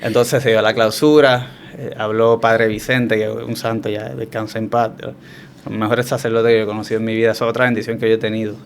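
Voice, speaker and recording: A man with a Puerto Rican Spanish accent, telling his story as a guest in a relaxed, reflective way with frequent restarts. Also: on the low side, quick pace, a little hiss or hum. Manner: reflective, hesitant with many restarts. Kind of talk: conversational testimony.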